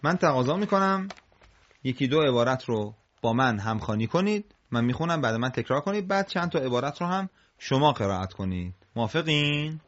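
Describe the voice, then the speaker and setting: A man's voice: mid-range voice, expressive. Patient male recitation teacher, lo-fi. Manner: patient, encouraging, chants examples slowly. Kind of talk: classroom recitation lesson.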